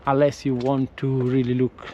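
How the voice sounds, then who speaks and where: Dull audio with a little hiss or hum, taken from an action camera with a windscreen, captures a man speaking in a monotone at normal speed. His medium-pitched voice has a warm tone and an Italian accent, as he is a non-native English speaker. He vlogs casually on an outdoor walk, hesitant and constantly restarting and correcting himself.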